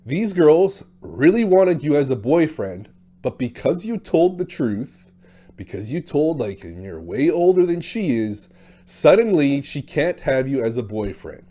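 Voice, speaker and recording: Speaking to camera in a casual monologue, this dating coach, aged somewhere in his thirties or forties, is blunt and chatty about dating and leans on lots of filler words. His voice sits a little high with big swings in pitch, unhurried and dark in tone. When quoting people, he shifts into different voices.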